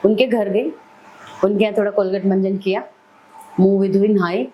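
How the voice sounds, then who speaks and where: A woman's voice: mid-range voice, steady tone, moderate pace, lo-fi sound, a little hiss or hum. A middle-aged woman, a podcast guest telling her life story vividly. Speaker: celebrity hair stylist, podcast guest. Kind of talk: personal storytelling in an interview.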